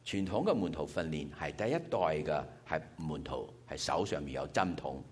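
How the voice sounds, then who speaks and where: Very deep-voiced man preaching. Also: animated, moderate pace. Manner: explanatory, working through numbers step by step. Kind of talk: sermon.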